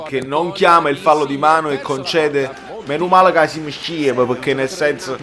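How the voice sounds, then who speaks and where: A man reacting live to a football match as a fan, emotional and exclamatory, with swearing and bursts of shouting. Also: fairly high pitch.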